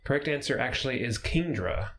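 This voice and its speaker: A man's voice: mid-range voice, lively intonation, fairly quick, slight background noise. A man hosting a casual podcast chat, laid-back and swearing casually, laughing often. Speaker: podcast host.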